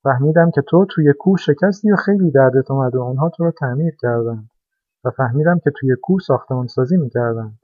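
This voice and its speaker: A man's voice: medium pitch, dry recording, close to an everyday voice. A man voicing a small, timid toy car that whines and insists in a childlike way, as a storybook character. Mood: indignant. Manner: whiny, insistent, easily frightened. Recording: dry, dull lo-fi recording.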